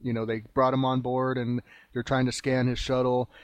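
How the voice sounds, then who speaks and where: A man's voice: mid-range voice, monotone, moderate pace, no room sound, lo-fi sound. A man co-hosting a podcast, telling things loosely in casual chat with many fillers. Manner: loose, filler-heavy storytelling. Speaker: podcast co-host.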